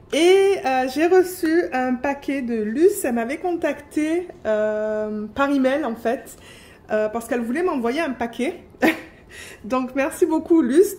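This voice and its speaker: A woman chatting excitedly on her home craft vlog, filling pauses with fillers and breaking into squeals. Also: high voice. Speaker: diamond painting vlogger.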